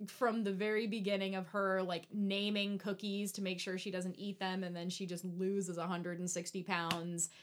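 A woman's voice: medium pitch, flat delivery, normal speed, hardly any pauses. A woman co-hosting a podcast, chatting casually about a movie with lots of "like" fillers. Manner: chatty, many "like" fillers, acts out characters' lines. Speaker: podcast co-host. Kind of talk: casual chat reviewing a movie.

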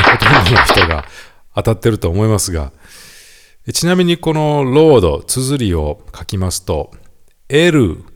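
A man with a Kansai accent giving a lively, quiz-style lesson on the English words heard in gospel songs. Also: on the low side. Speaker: teacher.

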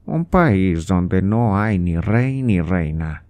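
Low slow sneering old nobleman dad, read by a man, scolding his son. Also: lively intonation, darkish tone. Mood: scornful. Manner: sarcastic, scolding. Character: scornful old male nobleman, impatient father. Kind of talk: audiobook character voice.

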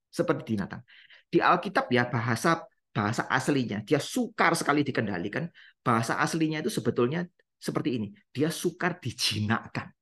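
Husky-voiced man preaching a Bible study. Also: medium pitch, a bit bright. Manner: asks the listeners questions and answers them; repeats key phrases for emphasis.

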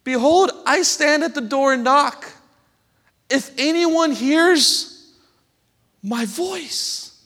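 High-voiced fervent preacher in a reverberant hall. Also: male voice, very slow, long pauses. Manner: fervent preaching, building to shouted exhortation. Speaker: guest pastor. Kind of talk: sermon. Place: church sanctuary.

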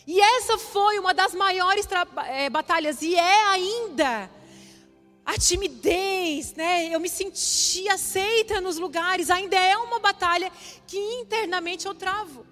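A woman's voice: very high-pitched, unhurried. A woman preaching a sermon, sharing a personal testimony with emotional, emphatic repetition. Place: church hall. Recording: reverberant hall with soft music.

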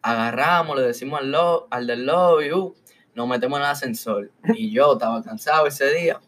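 A man co-hosting a podcast, telling a story in casual chat, animated, laughing often and acting out the voices of the people in it. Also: medium pitch, normal speed. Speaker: podcast co-host.

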